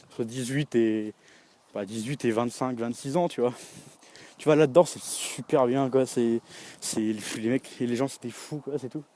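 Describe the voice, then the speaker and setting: A man's voice: mid-range voice, dark tone. Chatty young Frenchman, rambling and laughing. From France. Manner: rambling, full of fillers and restarts, addresses the viewer directly; laughs often while talking. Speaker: vlogger. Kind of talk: casual chat to camera.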